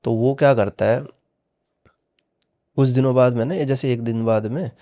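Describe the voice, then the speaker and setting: Mellow-voiced man telling a story. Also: medium pitch, steady tone, moderate pace. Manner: retells dialogue with many "he said" tags. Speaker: podcast guest storyteller. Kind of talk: casual storytelling.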